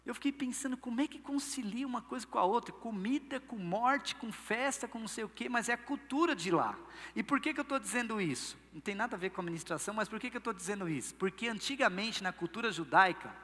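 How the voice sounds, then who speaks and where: A man's voice: high voice, expressive, fast talker, fairly bright tone, in a large hall. A male pastor with a Brazilian Portuguese accent preaching a sermon, telling stories playfully and acting out quotes. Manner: playful storytelling, acts out quotes. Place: church service.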